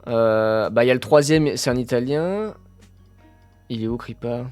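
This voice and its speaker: A man's voice: mid-range voice, normal speed, clear, resonant tone, no room sound, soft background music. Chatty male streamer, dry close sound. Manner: chatty, many fillers, excitable bursts. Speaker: streamer hosting an athletics live. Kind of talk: casual live-stream chat reading the chat.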